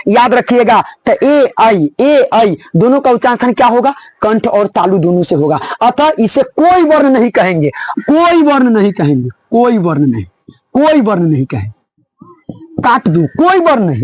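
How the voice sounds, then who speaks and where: A man teaching grammar for board exams, repeating each point and urging students on loudly. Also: very high voice, dry recording, low-quality recording. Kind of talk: board-exam lesson.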